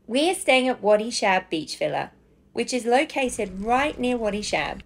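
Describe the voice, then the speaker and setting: A woman's voice: a little high, animated, unhurried, a little hiss or hum. A woman in her thirties reading a scripted, enthusiastic travel voice-over. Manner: bright, enthusiastic. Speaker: narrator.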